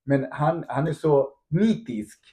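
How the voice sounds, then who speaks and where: A man talking as a podcast co-host and football coach in casual chat, acting out quotes and tossing in English phrases. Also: a little high. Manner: animated, acts out quotes, mixes in English phrases; asks "förstår du?" often.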